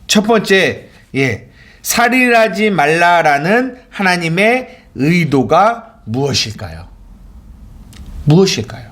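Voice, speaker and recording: A man's voice: sits high, very animated, takes it slowly, a bit bright. A man preaching a sermon in a church, asking the congregation questions and answering them himself. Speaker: pastor.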